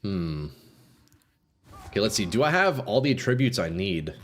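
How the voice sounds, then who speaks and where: A man's voice: on the low side, sing-song, moderate pace. Casual frat-bro guy live streaming a game. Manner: frat-bro slang, swearing, addressing viewers as boys, bro, dude.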